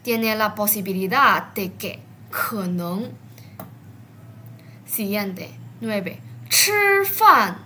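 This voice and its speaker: Slow woman teaching words, bright voice, bit of hiss behind. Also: medium pitch, steady tone. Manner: explains word by word, repeats and stresses Chinese words. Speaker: Chinese language teacher. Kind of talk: slow vocabulary lesson.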